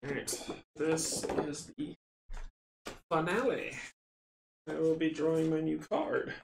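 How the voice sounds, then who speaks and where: A man's voice: a little high, takes it slowly, gravelly. A middle-aged man giving casual board game playthrough commentary, thinking aloud and reading rules at home. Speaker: solo board game player and host. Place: small indoor home game room. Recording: roomy, faint background noise.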